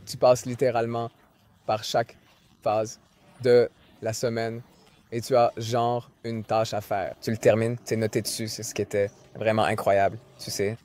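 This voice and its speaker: A man in his twenties from Egypt, a guest answering interview questions in a relaxed, conversational way. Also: mid-range voice. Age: 20s. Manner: relaxed, conversational, uses fillers like "genre" and "tu sais". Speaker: guest, challenge winner.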